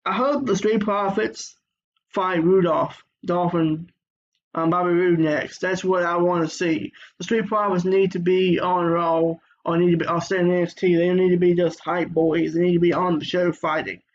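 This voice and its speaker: A man's voice: sits high, steady tone, normal speed, muffled recording. A man giving a casual, rambling review of a wrestling show, full of fillers and restarts.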